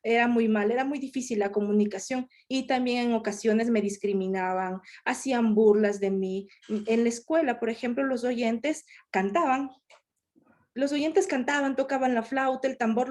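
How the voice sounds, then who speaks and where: A woman voicing a deaf speaker's talk live in the first person, halting, with many fillers and restarts. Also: a little high, darkish tone. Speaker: sign language interpreter voicing a deaf speaker. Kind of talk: live interpretation of a conference talk.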